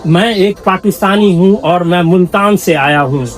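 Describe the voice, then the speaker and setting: Eager man pitching gadgets, higher voice. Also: moderate pace. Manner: eager, salesman-like product pitching. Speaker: travel vlogger. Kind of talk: casual promotional walkthrough. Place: indoor trade center shopping hall.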